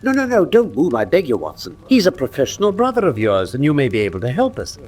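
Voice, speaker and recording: An English-accented actor voices a self-assured, teasing gentleman detective in an old-time radio drama, with precise diction and theatrical condescension. His voice sits a little high, swings hugely in pitch, and moves fast, in a keen, dramatic mood.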